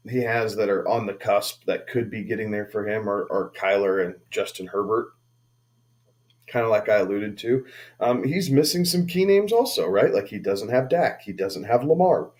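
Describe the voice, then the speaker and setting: A man's voice: on the low side, normal speed, a little mellow. A man co-hosting a casual fantasy football podcast, easygoing and thinking aloud with fillers. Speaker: podcast co-host.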